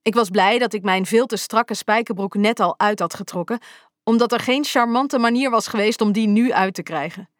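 A woman narrating a first-person romance story in a calm, intimate storytelling manner. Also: medium pitch, normal speed, no room sound, clean studio sound. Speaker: audiobook narrator.

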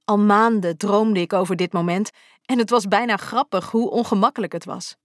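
A woman's voice: medium pitch, steady tone, moderate pace, no room sound. Woman narrating a romance audiobook, dry. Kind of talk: first-person romance narration.

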